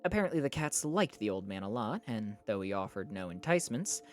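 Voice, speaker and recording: A streamer reading a novel aloud live, trading exasperated retorts with chat between passages and dropping lower and slower for the narration. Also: big pitch swings, soft background music. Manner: argues back at chat in exasperated bursts.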